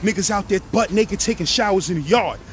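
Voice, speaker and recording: A man with a New York accent telling a casual, profane, animated story, often asking if you follow him. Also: sits high, a little fast, slight background noise. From Brownsville, Brooklyn, New York. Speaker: guest telling prison stories.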